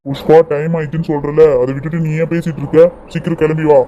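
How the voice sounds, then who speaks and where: ஒரு ஆண் கார்ட்டூனில் அம்மாவுக்காகப் பதறி அவசரப்படுத்தும் கணவனுக்குக் குரல் கொடுக்கிறார். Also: male voice, a little high, level tone, fast talker, mellow, dull audio, slight background noise, lightly acted. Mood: impatient. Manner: impatient, urgent. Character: anxious hurried husband worried for his mother. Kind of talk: cartoon voice acting.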